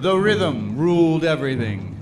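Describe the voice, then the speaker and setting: A solemn, slow-speaking galley slave. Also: male voice, a little high, sing-song. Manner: solemn, measured. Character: grim, suffering galley slave recounting his ordeal, vengeful. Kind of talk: dramatic first-person narration. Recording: loud music bed with guitar.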